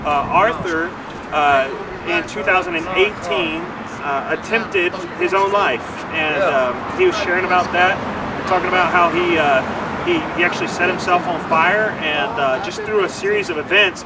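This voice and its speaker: A man's voice: high-pitched, expressive, moderate pace. A man chats loosely on a charity livestream, tripping over his words as he goes. He sits a little back from the microphone outdoors. Cars pass steadily on the street behind him. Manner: rambling, stumbles over words. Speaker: charity development officer. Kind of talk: livestream fundraising chat. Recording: distant mic with traffic noise.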